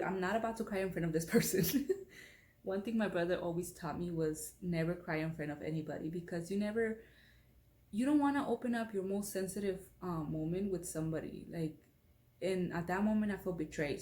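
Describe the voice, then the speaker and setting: A young woman tells a story straight to camera in a loose, rambling way, full of fillers. Her voice sits low and mellow. The room around her is echoey. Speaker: beauty vlogger. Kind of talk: casual storytime vlog.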